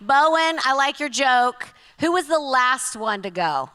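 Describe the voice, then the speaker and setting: A woman teacher at a school chapel assembly, warmly praising the students. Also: high-pitched, lively intonation, unhurried, big-room sound. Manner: encouraging, praising.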